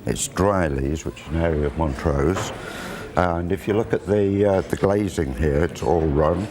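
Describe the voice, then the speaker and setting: A man in his sixties talking informally to camera about antiques, chatty and unhurried, on a lapel mic in an auction room. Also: sits low. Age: 60s. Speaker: antiques buyer and presenter. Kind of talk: informal explanatory talk to camera. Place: large indoor auction room. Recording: busy crowd murmur behind.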